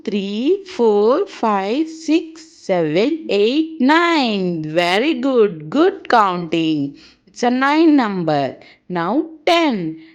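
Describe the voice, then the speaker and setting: Slow, high-pitched woman teaching little kids. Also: muffled recording. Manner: encouraging, simple teacher-to-toddler address with short phrases. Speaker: presenter of a children's counting lesson. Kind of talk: children's educational narration.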